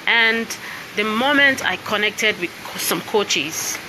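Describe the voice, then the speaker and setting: Speaking slowly with lively intonation and a mid-range voice, a Nigerian woman talks casually to her live-stream audience about her book. She's a singer and voice coach with a Nigerian English accent who often asks "all right?" and "you understand?". She's indoors with a piano and laptop, against a noisy background.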